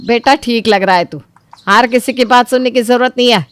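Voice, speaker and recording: A domineering cartoon mother-in-law barks orders and scolds without pause, as a woman puts her on. The voice sits high and loud, pushed well above the speaker's own. The sound is close and dry. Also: clear, resonant tone, no echo, close to an everyday voice. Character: bossy domineering middle-aged mother-in-law. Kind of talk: cartoon story voice acting.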